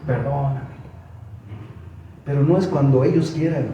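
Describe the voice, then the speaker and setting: A man's voice: medium pitch, normal speed, dull audio, noisy background. A man preaching a sermon in a church hall, urging his listeners on with many rhetorical questions. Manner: exhorting, full of rhetorical questions. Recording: echoey hall from far off.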